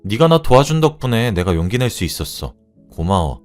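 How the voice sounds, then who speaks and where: A man voicing a sharp, cold-spoken young woman civil servant in a storybook drama. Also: fairly low pitch, very animated, a little fast, faint music behind. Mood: calm, gentle. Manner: cold and cutting.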